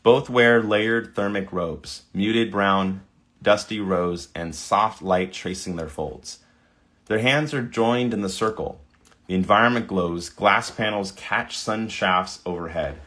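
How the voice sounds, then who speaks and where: Low-voiced man reading prompts aloud. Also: takes it slowly, fairly bright tone. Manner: reads prompts aloud, stumbles over words, laughs. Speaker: video creator. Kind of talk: casual screen-recording commentary.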